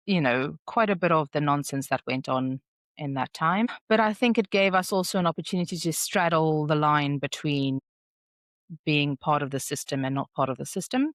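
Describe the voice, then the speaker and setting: A woman's voice: sits low, no room sound, clean studio sound. A woman hosting a solo podcast, talking in a candid, reflective, conversational way. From South Africa. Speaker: podcast host.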